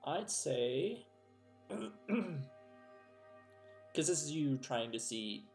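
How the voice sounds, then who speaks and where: A man running a tabletop role-playing game as game master, narrating scenes and calling for rolls in a measured way. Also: medium pitch, big pitch swings, gravelly, darkish tone, faint music behind.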